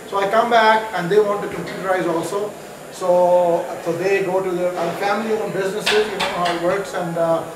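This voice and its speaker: A man from Pakistan, a guest on stage, tells his story in a chatty, self-mocking way, full of fillers and restarts. His voice sits high, and he is picked up from a distance in an echoey room with steady noise behind. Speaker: guest entrepreneur.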